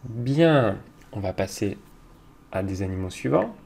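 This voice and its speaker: A man teaching young children, talking slowly and patiently, with hesitant fillers. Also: on the low side, lively intonation, vocal fry, slightly rough. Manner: speaks slowly to a child, hesitant fillers, loudly claps out each word. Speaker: kindergarten teacher.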